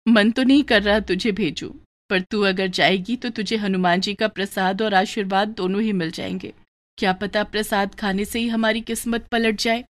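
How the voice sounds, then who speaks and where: A woman voicing a poor widowed village mother in a storybook tale. She speaks softly and faintly in a low voice. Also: fairly even intonation, moderate pace, close to an everyday voice. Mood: tender. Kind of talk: storybook voice acting.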